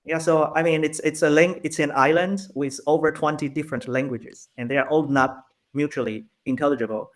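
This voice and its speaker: A man's voice: a little high, steady tone, brisk, few pauses. A young man from Taiwan, a polyglot guest, chatting in a friendly way over a video call and laughing often. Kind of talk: casual interview answers.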